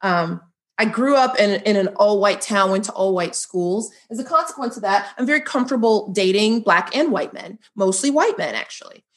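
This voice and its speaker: A woman's voice: mid-range voice, normal speed. A middle-aged woman, a divorce lawyer and life coach, telling personal stories as a guest in a candid chat and acting out the dialogue. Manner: animated, acts out quoted dialogue. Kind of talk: candid conversational storytelling.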